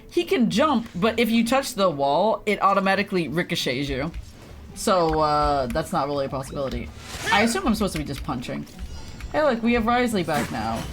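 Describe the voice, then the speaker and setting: This young adult streamer has a medium-pitched, fairly bright voice and jokes at their own expense while playing a game. It's casual, informal talk from an indoor live stream with game music underneath.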